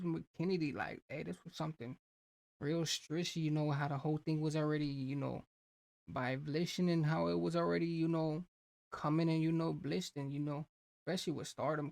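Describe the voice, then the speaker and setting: A man's voice: fairly high pitch, creaky, darkish tone. A man hosting a reaction video, rambling loosely with lots of fillers and restarts. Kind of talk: casual reaction commentary.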